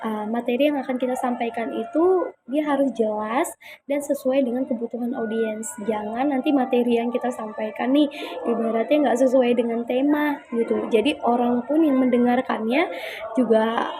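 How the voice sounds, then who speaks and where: A young woman giving an informal class presentation, chatty and hesitant, pausing often with fillers. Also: a little high, background noise. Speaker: student presenter.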